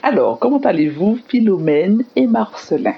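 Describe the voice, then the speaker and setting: A woman teacher giving a scripted radio lesson to children in an expressive, explanatory manner. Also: medium pitch, normal speed, lo-fi sound, a loud crowd. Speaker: primary school teacher on radio.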